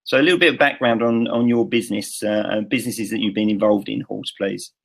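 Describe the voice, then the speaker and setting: A man's voice: on the low side, fairly even intonation, quick pace, vocal fry, poor audio. Male host, upbeat, live online call, casual interviewer, occasional ums. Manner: upbeat, introduces with enthusiasm, some ums.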